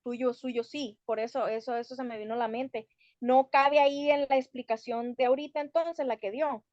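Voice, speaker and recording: A woman's voice: high-pitched, steady tone, moderate pace, darkish tone, no room sound. A woman student in an online class, asking about a doubt in a hesitant, thinking-aloud way. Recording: dull, lo-fi call audio.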